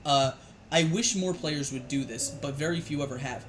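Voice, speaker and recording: A man's voice: fairly high pitch, normal speed, a bit bright, a little hiss or hum. A man, a dungeon master, chatting casually on a live show, rambling with frequent restarts and fillers.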